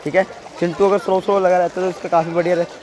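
Talking quickly in a high voice with little change in pitch, a man films a school swimming competition at an outdoor pool. He chats informally to camera for his audience and calls out encouragement to the racers.

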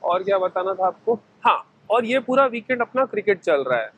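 A man in his thirties chatting excitedly in a casual vlog, filming himself outdoors with an action camera at arm's length. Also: high voice, normal speed, breathy edge, low-quality recording. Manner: chatty, excitable cricket talk. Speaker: vlogger. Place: outdoors in a stadium stand and a street.

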